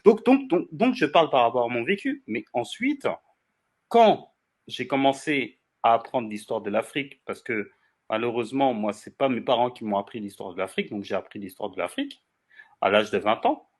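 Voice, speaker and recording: A man of forty from France, arguing his case in a heated discussion. He repeats phrases to hold the floor and talks over interruptions at a middle pitch. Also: big pitch swings, normal speed. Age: 40s. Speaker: debate guest. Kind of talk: heated debate.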